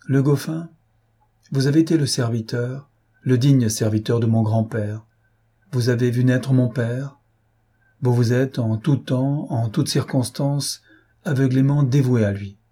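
A man's voice: medium pitch, unhurried, dark tone, slightly rough. A man reading aloud and voicing a grave young woman who speaks with firm, solemn resolve. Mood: pleading.

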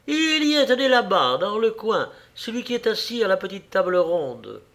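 A man's voice: high voice, sing-song, normal speed, a bit bright, pitched above the performer's own voice, heavily acted. A man reading aloud and voicing a stout, gushing middle-aged tavern landlady who speaks in a coy, simpering way.

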